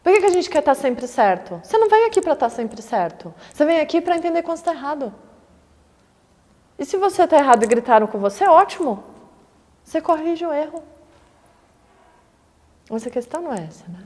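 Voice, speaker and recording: A woman's voice: sits high, very animated, brisk, pauses often, a little mellow, in a large hall. A woman, a Buddhist teacher giving a conversational dharma talk, often tagging her sentences with little questions to the listeners. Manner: conversational, frequent tag questions, acts out quoted voices.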